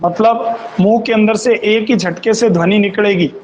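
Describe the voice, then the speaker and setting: A man teaching an online grammar class, slowly dictating definitions and repeating phrases for students to copy down. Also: high-pitched, steady tone, lo-fi sound, a little hiss or hum. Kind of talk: online Hindi grammar lesson.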